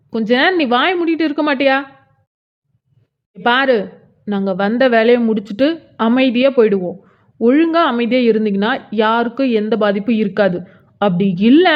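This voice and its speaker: A woman's voice: a little high, normal speed, pauses often, lightly acted. A woman voicing a cruel, mocking robber in a cartoon who taunts the tied-up family. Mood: menacing. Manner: sneering, taunting. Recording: dull lo-fi sound.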